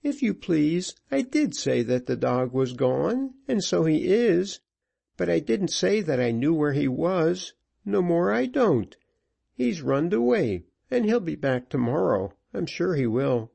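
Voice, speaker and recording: A man's voice: fairly high pitch, big pitch swings, a little slow, vocal fry, mellow, husky, voice pushed up, exaggerated voice. A man voicing a poor, timid young servant lad who pleads in a plaintive tone. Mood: pleading.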